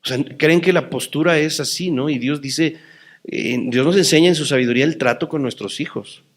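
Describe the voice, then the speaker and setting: A middle-aged man preaching a sermon to a congregation, passionate, swinging between loud emphatic lines and soft, near-murmured ones. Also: on the high side, brisk. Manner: acts out quoted voices within the preaching. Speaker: pastor. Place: church hall before a congregation.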